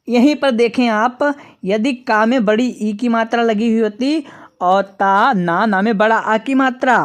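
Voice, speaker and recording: A woman teaching a beginners' reading lesson, spelling out words slowly syllable by syllable as the channel's teacher. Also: mid-range voice. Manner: slow, careful, spells out sounds syllable by syllable.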